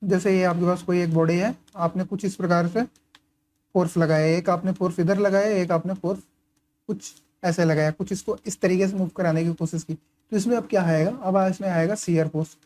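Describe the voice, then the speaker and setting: A male engineering tutor talking through course material in a relaxed, conversational lecture. His voice is mellow and dark, and he keeps tossing out questions that he answers himself, dotting his explanation with quick check-ins as he marks up his notes. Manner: writes and highlights while talking.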